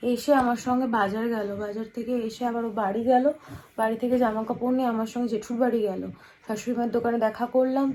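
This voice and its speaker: A woman's voice: a little high, a little hiss or hum, poor audio. A woman chatting to viewers in a home vlog, showing things around her house. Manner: talking softly at night. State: tired and sleepy. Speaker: vlogger. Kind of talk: casual home vlog chat.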